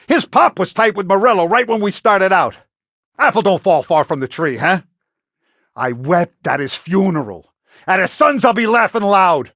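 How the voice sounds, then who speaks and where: A middle-aged Italian-American mafia boss from a 1930s gangster video game speaks with command, using blunt street slang laced with authority and a thirst for revenge. His fairly bright voice swings widely in pitch and is heavily acted, his mood bitter and vengeful. The recording is dry and close-miked, with no room sound.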